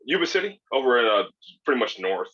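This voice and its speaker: A man's voice: mid-range voice, big pitch swings, fast, pushed and bright, slightly rough, dull audio. A man in his thirties, born in California and raised in Hawaii and Spain, talking as a guest on a podcast in a laid-back, rambling way with lots of fillers and restarts. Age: 30s. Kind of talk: casual podcast interview.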